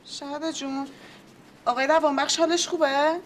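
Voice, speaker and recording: An actress playing a nosy, chatty airport employee in a comedy series. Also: female voice, high-pitched, steady tone, slight background noise, natural voice.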